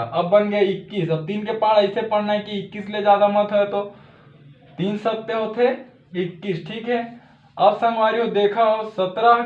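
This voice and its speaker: A man's voice: high voice, reverberant, narrow, tinny audio. A man with a Chhattisgarhi accent teaching a step-by-step math lesson, often checking in with "thik hai".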